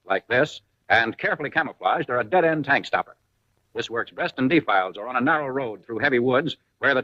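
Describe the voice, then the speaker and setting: Here a medium-pitched American man voices a scripted 1940s military training film, punchy and colloquial, heavy on wartime slang. The vintage soundtrack is muffled, with no room sound.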